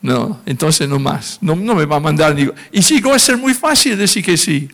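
A man, a pastor, preaching a testimony, speaking emotionally and lifting his voice high when he acts out his own prayers. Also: animated, moderate pace, a bit bright. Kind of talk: sermon testimony.

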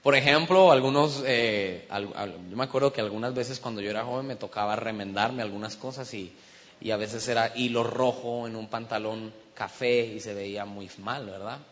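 A man's voice: lowish voice, normal speed, a bit bright. A man from Colombia, preaching a sermon as humorous storytelling and asking the congregation questions. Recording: dull sound with long hall reverb.

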